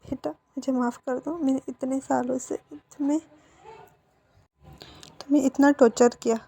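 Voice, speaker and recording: A woman voicing a stern mother who softens and gently hushes her grown son. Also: high voice, steady tone, unhurried, gravelly, slightly rough, full character voice. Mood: hushing. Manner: gentle, hushing.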